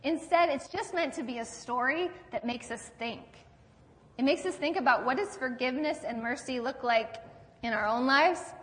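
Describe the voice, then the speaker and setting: A woman pastor preaches in a relaxed, storytelling manner, turning to rhetorical questions for her congregation. Her voice sits a little high. A long reverb trails behind her words in the church. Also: normal speed. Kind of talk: sermon.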